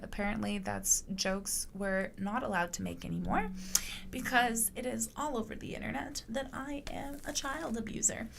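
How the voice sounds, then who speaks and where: A young woman talks through her own podcast in a loose, rambling monologue. Her voice carries a gravelly fry, and she speaks bluntly, swearing freely. A faint hiss of background noise sits under her voice. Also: mid-range voice, a bit bright. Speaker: podcast host. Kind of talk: casual monologue.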